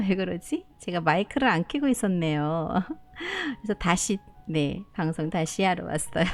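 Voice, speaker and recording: A middle-aged woman hosting a casual live stream, talking motherly to viewers as her children and laughing often. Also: medium pitch.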